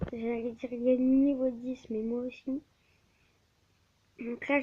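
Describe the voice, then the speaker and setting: A woman giving live gameplay commentary on her channel, often stammering and restarting words, recorded on a tablet mic. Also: a little high. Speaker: gaming channel host. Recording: dull lo-fi with faint hiss.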